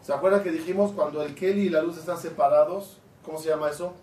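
A man's voice: on the high side, fairly even intonation, quick pace, darkish tone. A middle-aged man, a rabbi, teaching a Torah class and quizzing his students with questions as he goes. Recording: echoey room, mic at a distance, faint hiss.

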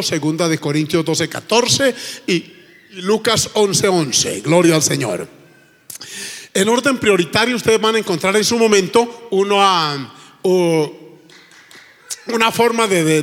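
A man's voice: sits high, animated, a little slow, fairly bright tone. A male pastor preaching an emphatic sermon in a church, with frequent praise exclamations. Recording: reverberant church hall.

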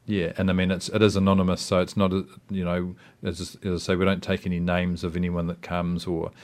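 Low-voiced New Zealand man, hesitant and reflective. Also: flat delivery, a little fast, darkish tone. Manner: hesitant, rambling, reflective, with frequent "you know" and "I mean". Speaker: interview guest. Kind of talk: casual personal interview.

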